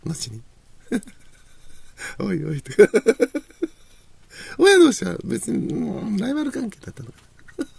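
Very husky, gravelly Kansai woman. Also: medium pitch, very animated, slow pace, pauses often, darkish tone, no room sound. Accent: Kansai Japanese. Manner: laughs often between phrases, trailing reminiscing. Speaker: channel host. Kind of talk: rambling personal storytelling.

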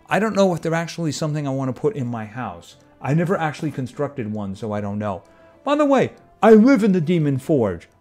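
A man with a slightly high, somewhat mellow voice streams a farming game, chatting casually and dropping wry asides as game music plays behind him.

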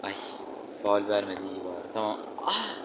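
A man with a fairly low voice gives loose, slangy commentary while playing a football video game. He grumbles and exclaims at the match as it goes. Clear background noise sits behind him. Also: moderate pace. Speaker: gaming channel host. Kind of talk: casual gameplay commentary. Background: children shouting outside.

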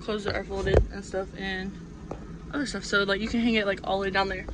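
In a brisk, mid-range voice, a young adult woman walks through her camper, chatting offhandedly and unscripted as she shows things off. The recording is handheld and noisy, with constant background noise.

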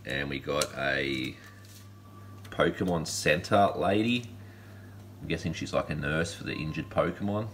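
Upbeat man, bright forceful voice. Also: rumbling low, unhurried, long pauses, a little hiss or hum. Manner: upbeat, rambling, laid-back slang. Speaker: collectibles channel host. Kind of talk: casual unboxing chat. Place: indoor room lined with collectible shelves.

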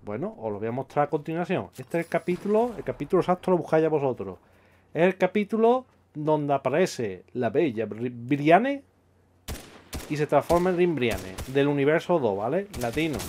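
A man's voice: a little high, very animated, moderate pace, a little mellow, slight background noise. A man hosting a casual commentary video, talking emphatically and throwing out rhetorical questions. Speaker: youtuber host.

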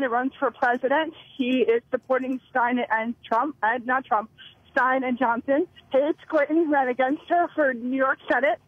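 A woman's voice: high-pitched, husky, dry recording. A woman calling into a radio show over a phone line, talking in a rambling, self-correcting way. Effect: phone line, speakerphone then cell phone. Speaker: caller. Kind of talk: casual call-in chat.

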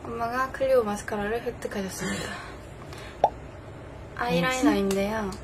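In her bedroom indoors, a young woman in her twenties with a Busan Korean accent chats about makeup as a beauty vlogger, often breaking into laughter. She speaks at a moderate pace in a steady tone on the high side, over background noise.

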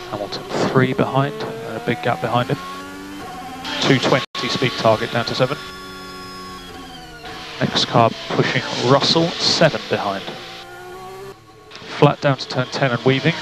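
A male race engineer giving calm, terse team radio calls of gaps and instructions to his driver. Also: mid-range voice, vocal fry, rough recording. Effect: team radio to the driver's car.

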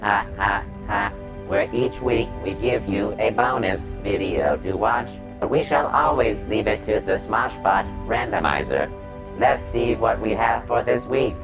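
A sarcastic robot host, as a man puts it on, droning in a deadpan robotic monotone with a lowish voice. Loud music plays behind him throughout. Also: a little slow.

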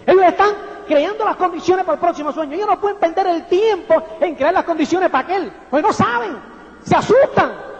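A man giving a motivational talk to an audience, animated and theatrical, often checking in with "do you understand me?". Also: very high voice, a little fast. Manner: animated, theatrical, asks "¿me entiendes?" constantly. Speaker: motivational speaker. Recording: dull sound with long hall reverb.

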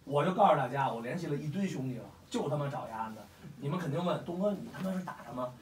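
A slightly high-voiced man keeps up a quick, animated pace while hosting a fight fan meetup. In his forties and speaking with a Beijing accent, he addresses the crowd bluntly and heatedly, cursing frequently. The room echoes and the mic is set back from him.

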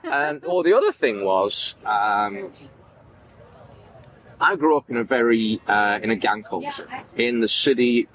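Animated Manchester man telling stories. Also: medium pitch, a little slow, pauses often, poor audio. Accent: Manchester English. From Manchester, England. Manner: animated, acts out quoted dialogue, gestures widely. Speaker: podcast guest. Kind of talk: casual storytelling interview. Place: indoor event backdrop at a farmers market.

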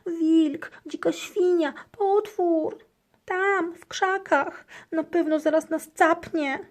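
A timid little storybook hamster grumbles and frets in a squeaky, high voice, as a woman reader puts him on. Words come slowly and a touch breathy. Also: mellow. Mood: fearful. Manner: fearful, grumbling.

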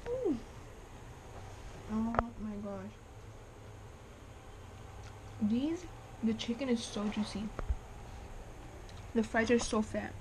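A woman's voice: fairly high pitch, animated, extremely slow, long pauses, noisy background. Tipsy young woman vlogging, swearing. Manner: swearing, rambling, laughs often. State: drunk. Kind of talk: casual vlog chat.

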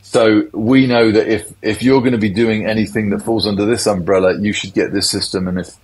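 A man's voice: on the low side, fairly even intonation, brisk, a little mellow, rough recording. A middle-aged man, a tech industry guest, explaining things in a loose, conversational interview.

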